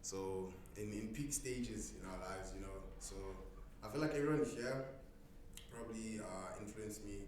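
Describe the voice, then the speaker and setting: Laid-back young man, low voice. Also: moderate pace. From South Africa. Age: young adult. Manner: laid-back, lots of slang and repeated "bruh", bursts of excited shouting. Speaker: podcast guest, rugby player. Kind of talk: casual chat. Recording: echoey room with background noise.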